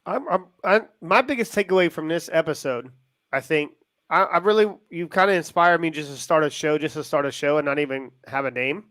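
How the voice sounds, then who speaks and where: A man with an American accent co-hosting a live show in casual, excitable, rambling talk that often interrupts itself. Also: fairly high pitch, fairly quick, no echo, clean studio sound. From United States. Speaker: show co-host.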